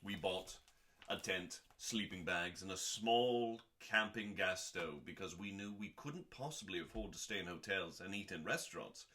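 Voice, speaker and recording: A man hosts a dramatic scripted reading, delivering it in a deliberate, theatrical way with pauses and a dry, deadpan tone. His voice sits low.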